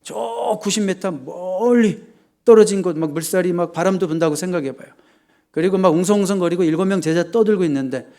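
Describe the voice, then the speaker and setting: A man preaching a sermon in a church as its pastor, telling the story with lively questions to the congregation and loud acted shouts. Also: sits high, brisk. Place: church sanctuary.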